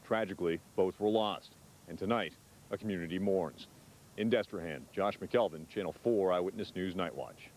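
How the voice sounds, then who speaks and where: Lowish-voiced male news reporter. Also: normal speed, darkish tone, a little hiss or hum, low-quality recording. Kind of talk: scripted report narration.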